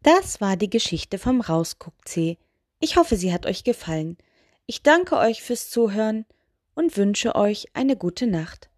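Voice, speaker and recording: A woman telling a children's bedtime story in a gentle, expressive storyteller voice. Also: mid-range voice, unhurried, no echo, studio quality.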